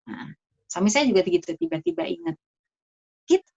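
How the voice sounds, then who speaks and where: A middle-aged woman doctor giving a casual talk on marriage health to an audience, chatty with lively asides. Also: a little high, normal speed, gravelly. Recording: dull lo-fi sound.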